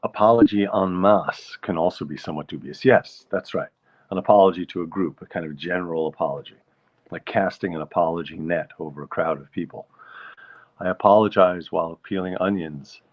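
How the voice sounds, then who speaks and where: A man's voice: deep voice, fairly quick. A man hosting a casual stream, reading viewer comments aloud and musing over them in a wry, easygoing way. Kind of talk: casual chat. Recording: dull lo-fi sound.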